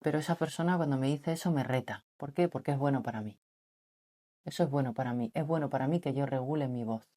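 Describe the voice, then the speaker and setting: A woman with a slightly husky, mature voice, talking softly and reflectively to camera and asking the listener rhetorical questions. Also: fast talker. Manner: speaks softly and lowered on purpose, asks the listener rhetorical questions. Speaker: vlogger on relationships. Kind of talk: reflective personal talk to camera.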